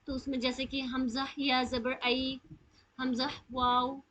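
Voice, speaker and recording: A woman teaches recitation in a live online class, with a high, bright voice. She explains patiently and stretches out individual letter sounds to demonstrate them. Her delivery stays clear and instructive throughout. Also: level tone, poor audio. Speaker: tajweed teacher.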